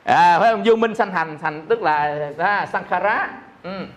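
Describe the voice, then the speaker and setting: High-voiced man giving a dharma talk. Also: unhurried, a bit bright, a little hiss or hum. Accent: Southern Vietnamese. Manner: explains by repeating and asking listeners rhetorical questions. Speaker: Buddhist teacher.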